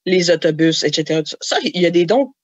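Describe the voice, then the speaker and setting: A woman's voice: on the low side, brisk, a little mellow, dry recording, highs cut off. Hesitant woman, dry sound. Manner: searching for words, hesitant restarts. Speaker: guest author. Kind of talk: casual interview talk.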